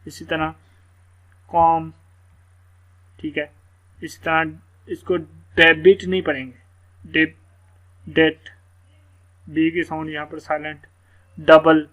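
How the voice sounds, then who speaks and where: A man teaches English phonics in a relaxed, chatty way. His voice sits a little high for a man. He stretches example words out and spells them letter by letter. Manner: casual, explanatory, repeats words slowly letter by letter. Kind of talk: screen-share phonics lesson.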